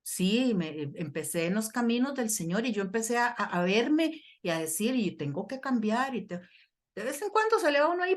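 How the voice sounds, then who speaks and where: A middle-aged woman from Costa Rica preaching earnestly at a prayer workshop and reading scripture aloud. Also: a little high. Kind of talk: sermon.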